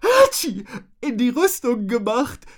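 A man's voice: huge pitch swings, takes it slowly, exaggerated voice. A man doing a sneezy snotty little kid. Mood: giggly. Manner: high voice broken by sneezes.

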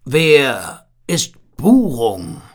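A man voicing a giant, friendly male seal with a thundering voice, reading a storybook aloud in slow, drawn-out words. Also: mid-range voice, wildly swooping pitch, exaggerated voice. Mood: friendly, curious. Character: huge booming spotted male seal, friendly.

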